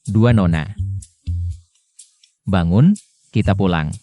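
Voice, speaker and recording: A young male student in a dubbed drama, with a low, mellow voice. He sounds exasperated and sarcastic, and the recording is dry with soft music behind. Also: takes it slowly, no room sound. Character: young man, student caught between two women.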